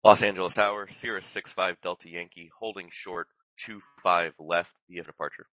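A man's voice: low-pitched, steady tone, moderate pace, a bit bright, no echo, rough recording. A man speaking as a pilot over a headset, making radio calls in standard aviation phraseology.

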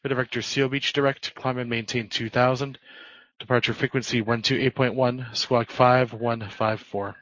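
A man's voice: medium pitch, flat delivery, normal speed, a bit bright, dry recording. A man working as an air traffic controller, giving clipped, businesslike procedural instructions over radio. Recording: slightly muffled radio audio.

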